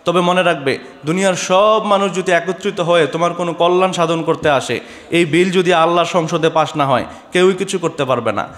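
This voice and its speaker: A man's voice: fairly high pitch, a little fast, a bit bright, big-room sound. A man preaching a sermon on a microphone, exhorting his listeners and asking them rhetorical questions.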